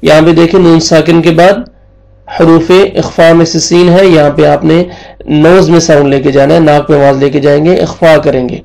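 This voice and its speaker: A man with a Pakistani Urdu accent gives a patient recitation lesson. His voice sits fairly high and has a gravelly edge. He stretches each verse out in slow chant, then explains the rules in quicker everyday talk. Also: little pitch movement, a little mellow, poor audio. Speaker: Quran tajweed teacher.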